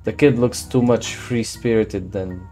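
Profane young man reacting, mellow voice. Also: lowish voice, slow, soft background music. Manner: blunt, profane, excitable outbursts. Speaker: anime reaction streamer. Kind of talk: casual reaction commentary. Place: small home studio room. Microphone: headset and large studio mic close up.

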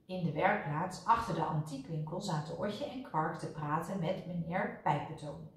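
A woman's voice: lowish voice, expressive, normal speed, recorded from a distance. A woman, a teacher, reading a children's storybook aloud expressively. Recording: roomy echo, voice off-mic.

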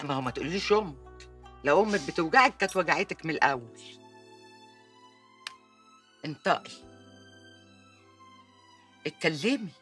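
A woman's voice: on the low side, a bit bright. An actress playing a protective, commanding aunt who bluntly interrogates her niece in Egyptian Arabic. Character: bossy, protective neighborhood aunt.

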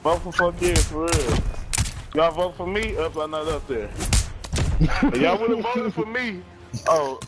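A man's voice: fairly high pitch, animated, slow pace, pauses often. A man trash-talking casually and swearing among players in an online game's voice chat. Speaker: video game player. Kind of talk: casual trash talk with profanity. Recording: game voice chat with heavy noise.

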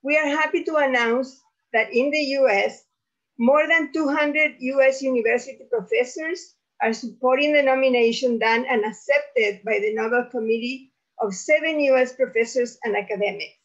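High-pitched woman reading out a statement, slightly dull audio. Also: normal speed. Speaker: conference speaker.

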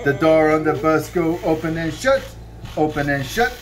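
A man in his thirties with a fairly high, expressive voice sings a children's song from a book to his child at a normal speed. Lying on a bed in a bedroom, he's playful and sing-song, stretching out the ends of lines. A camera a few feet away records it.

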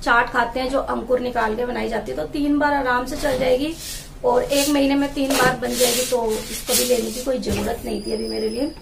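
In a small room with tiled walls and a wooden door, a housewife vlogger in her thirties chats casually while showing her groceries on camera, explaining as she handles jars and bags. Her voice is fairly high and gravelly, delivered flatly at a normal speed, with background noise behind it.

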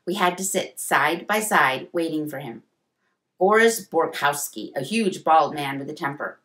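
Woman, children's librarian, storybook read-aloud, expressive, slightly low voice. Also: unhurried. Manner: expressive, lively voices for dialogue.

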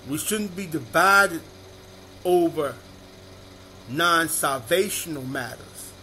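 Slow-talking preacher guy reading scripture, repeats every verse number, bit high voice, faint hiss behind. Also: bright, forceful tone. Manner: repeats each verse reference slowly and deliberately. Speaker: minister.

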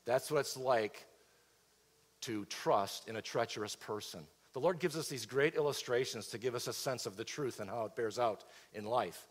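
A man's voice: medium pitch, moderate pace. A middle-aged man preaching a sermon, asking the congregation rhetorical questions as he paces the stage. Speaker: pastor. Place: large church auditorium stage. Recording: reverberant church hall.

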